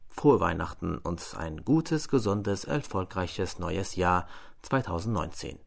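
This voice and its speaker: A man reading listener letters and a story on air as a radio presenter, in a measured, formal way. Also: sits low, lively intonation, vocal fry.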